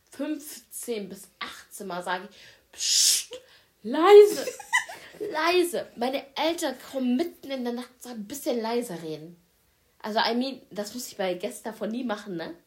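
A young woman hosting a casual podcast chat, talking straight to her listeners and often breaking off to restart her sentences. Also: medium pitch. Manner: chatty, addresses listeners as "Leute", trails off and restarts. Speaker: podcast host.

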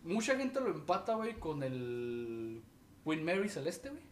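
A man's voice: on the high side, unhurried, far from the mic, a little hiss or hum. Man, Mexican Spanish accent, casual podcast host, slangy storyteller, slightly raised voice, echoey room, a bit off-mic. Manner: animated storytelling, peppered with slang fillers.

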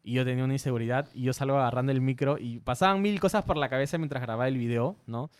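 A man's voice: mid-range voice, racing, clear, resonant tone. A man from Peru, a content creator, telling a story in a casual interview, earnest and a little self-conscious, often restarting his sentences.

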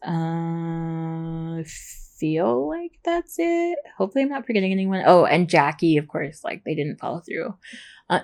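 A woman podcast host giving a casual, rambling, chatty recap in informal speech, with soft R's that come out close to W. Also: deep voice. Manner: rambling, gushing informal talk with frequent "like" and "super".

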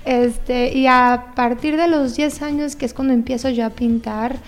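A woman, a painter talking as a guest in a casual interview, chatty and quick to laugh. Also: sits high, fairly even intonation. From born in the US, raised in Mexico. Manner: chatty and enthusiastic, laughs often.

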